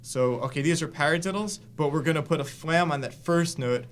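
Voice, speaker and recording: Relaxed man teaching drums. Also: fairly high pitch, fairly quick. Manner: relaxed, explains with fillers and restarts. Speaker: drum teacher. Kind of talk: casual instructional talk. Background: drum hits between lines.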